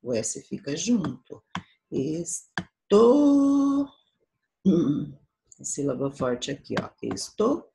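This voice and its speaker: A Brazilian woman teaching a primary school class, patiently sounding out syllables slowly for young children. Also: rumbling low, expressive, warm tone, a little hiss or hum, poor audio. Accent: Brazilian Portuguese. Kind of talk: slow, patient remote class lesson.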